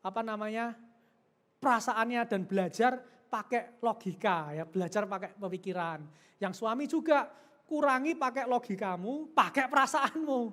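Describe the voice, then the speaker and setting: A woman's voice: on the high side, big-room sound. A woman pastor preaching in a church, chatting and joking with the congregation and asking them questions. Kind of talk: sermon.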